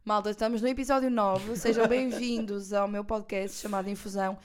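A young woman with a European Portuguese accent hosts a casual podcast chat. She talks in a chatty, playful way with quick slangy asides. Her pitch sits in a middle range for a woman. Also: steady tone, darkish tone. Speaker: podcast host.

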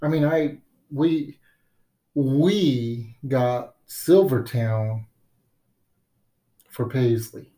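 A man's voice: mid-range voice, very slow, long pauses, mellow. Rambling, joking man in casual podcast chat. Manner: rambling, joking, trails off mid-sentence. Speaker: podcast co-host.

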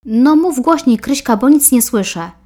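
A woman's voice: high-pitched, animated, moderate pace, mellow. A woman voicing an impatient grown son who brushes off worries dismissively.

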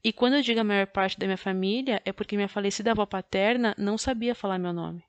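Woman doing stand-up, dry deadpan delivery, kinda exasperated, mid pitch. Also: fast talker, dry recording. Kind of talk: stand-up comedy monologue.

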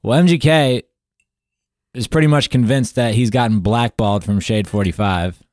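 A man's voice: medium pitch, normal speed, darkish tone, no echo, studio quality. Rambling man, casual podcast co-host. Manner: rambling recap with fillers.

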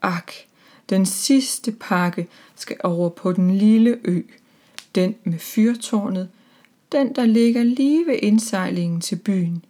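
A woman's voice: medium pitch, dark tone, close to an everyday voice. A woman voicing a dutiful, earnest male Easter hare in a children's storybook reading.

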